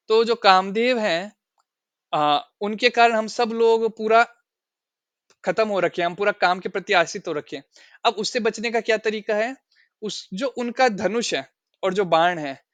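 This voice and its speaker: High, smooth-voiced man teaching scripture. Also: a bit bright, no room sound. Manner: explains verses and asks listeners questions. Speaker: spiritual teacher. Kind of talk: scripture class.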